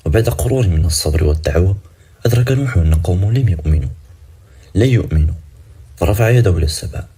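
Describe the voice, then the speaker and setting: A man's voice: sits low, warm tone, slightly rough. A man narrating a dramatic story in a scripted, suspenseful way, ending sections with cliffhanger questions.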